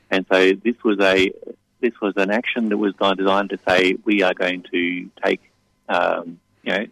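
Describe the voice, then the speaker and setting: Male activist guest on radio, deep gravelly voice, explanatory and loosely phrased. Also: fairly bright tone, no room sound, low-quality recording. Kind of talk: radio interview.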